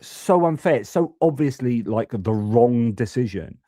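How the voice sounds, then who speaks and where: With an animated, unhurried delivery in a mellow mid-range voice, a young man from the UK hosts a live news stream and rants casually about politics. He frequently restarts and stammers through repeats, and the studio-quality recording has no room sound.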